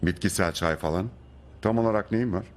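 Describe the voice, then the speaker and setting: A man playing a deep, brisk lab boss. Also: close to an everyday voice. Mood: probing. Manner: brisk, pointed questions. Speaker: supervisor. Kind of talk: film dubbing.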